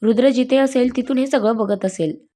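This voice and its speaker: A woman voicing a caring young woman who comforts her mother-in-law in a soothing, gentle way, in a story reading. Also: on the high side, moderate pace, natural voice.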